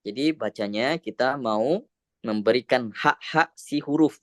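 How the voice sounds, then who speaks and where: An Indonesian man teaching Quran recitation on a video call, slow and patient, drawing out sounds to model them. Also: medium pitch, fairly bright tone, dry recording, studio quality. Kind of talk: patient one-on-one recitation lesson.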